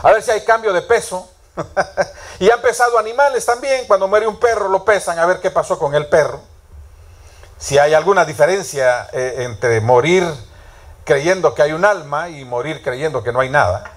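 A man's voice: fairly high pitch, moderate pace. A man preaching a sermon in a storytelling way, often asking the congregation questions. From Latin America.

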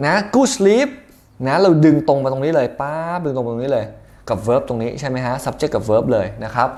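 A young man with a Thai accent teaching an English grammar lesson, lively, often checking that students follow along. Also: on the high side. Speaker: English exam tutor.

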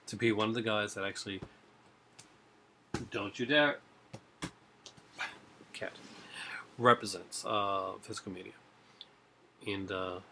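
This collector vlogger, a man in his forties, sits at home among shelves of discs chatting casually to a desk webcam about his collection, rambling with many fillers and restarts. He speaks slowly and pauses often, in a lowish, fairly even voice with vocal fry. The audio is pushed and bright, with slight background noise.

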